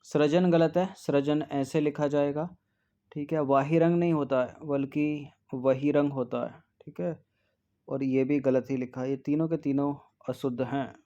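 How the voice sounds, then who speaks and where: Guy tutoring exam answers, says words twice, mellow flat voice. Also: fairly high pitch, highs cut off. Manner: drills spellings slowly, repeats words, frequent "ठीक है". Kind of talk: test-series answer walkthrough.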